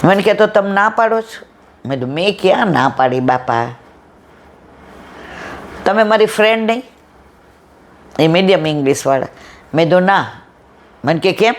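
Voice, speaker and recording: Expressive and on the low side, a woman speaks at normal speed but pauses often, with a little hiss or hum underneath. Her talk is a devotional satsang, told conversationally through stories with acted-out dialogue.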